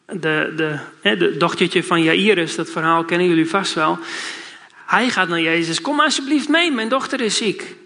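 A man preaching a sermon, his voice high and bright. He reads scripture aloud, then turns to plain talk, putting questions to his listeners.

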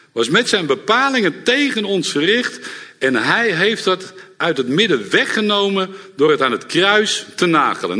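A middle-aged man preaching a sermon to a congregation, lively and direct, often checking in with the audience. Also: sits high. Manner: lively, engages audience with repeated "ja?". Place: church hall before a congregation. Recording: long hall reverb.

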